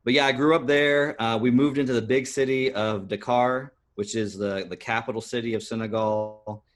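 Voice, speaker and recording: A man's voice: mid-range voice, steady tone, normal speed. A man in his thirties, a podcast guest, telling his life story earnestly, with many fillers and restarts. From United States. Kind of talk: personal storytelling interview.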